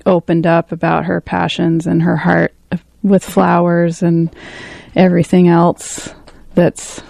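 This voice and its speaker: A woman radio host with a low, gravelly voice and a dark, mellow tone. Her delivery stays level and unhurried. The sound is close and dry. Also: dry recording. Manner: relaxed, encouraging, laughs along. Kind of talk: community radio interview.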